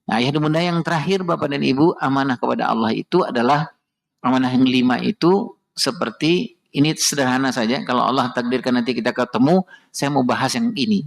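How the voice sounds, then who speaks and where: Gravelly middle-aged man preaching. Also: medium pitch, a little fast. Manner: emotional, addresses the audience directly and often. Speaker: parenting speaker at a mosque study session. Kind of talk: storytelling sermon. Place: mosque.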